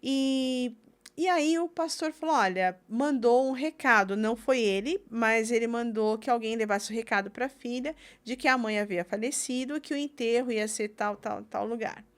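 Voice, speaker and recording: Woman host with a fairly high voice, an animated storyteller. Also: moderate pace, clean tone. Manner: animated storyteller acting out quoted speech. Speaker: podcast host. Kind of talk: casual chat, storytelling.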